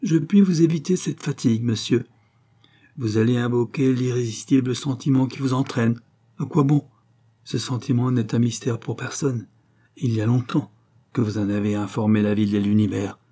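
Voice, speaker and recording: A man's voice: mid-range voice, steady tone, normal speed, warm tone, close to an everyday voice. A man reading aloud, voicing a haughty aristocratic lady with a cold, mocking, imperious manner.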